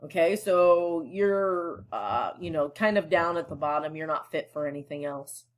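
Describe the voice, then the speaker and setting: A woman teacher with a low-pitched voice reads a novel aloud to her students at normal speed and explains it as she goes. She keeps things casual and conversational, using lots of fillers and frequently checking in with the class.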